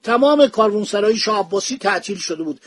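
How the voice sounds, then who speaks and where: In a home study lined with bookshelves, a podcast host retells a historical travel account in a casual storytelling way. His voice is high-pitched and expressive, with slight background noise. He tells it as an anecdote and acts out the quoted dialogue.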